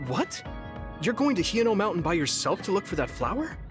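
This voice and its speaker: Over music, a man with a high-pitched, very animated voice plays a kind, protective young soldier in an anime-style video game. He speaks fairly quickly in a friendly, earnest, reassuring way, sounding worried and insistent.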